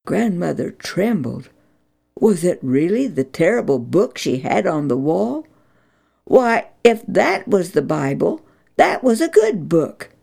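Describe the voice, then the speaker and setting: Woman storyteller for a children's Bible program, slow and expressive, with a lot of fry in the voice. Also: fairly low pitch. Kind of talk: scripted story narration.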